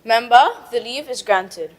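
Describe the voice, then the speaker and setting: A woman chairs assembly proceedings in a brisk, procedural way. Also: fairly high pitch. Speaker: presiding officer. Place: assembly chamber. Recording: noisy chamber feed.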